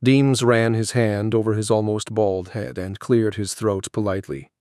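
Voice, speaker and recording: A man's voice: on the low side, fairly even intonation, moderate pace, darkish tone, no room sound. Man narrating an audiobook, dry sound.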